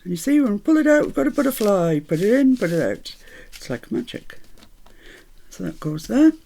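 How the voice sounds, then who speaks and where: A sing-song lilt runs through her mid-range voice, which is gravelly yet mellow and moves at a normal speed. She hosts a craft channel, chatting cheerfully and laughing often as she works, her accent a mixed British one from a Scottish birth and Midlands living.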